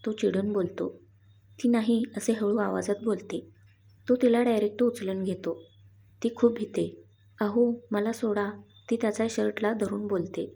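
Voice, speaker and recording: Woman narrating a story, husky voice, mellow dark tone, even reading. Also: medium pitch, normal speed.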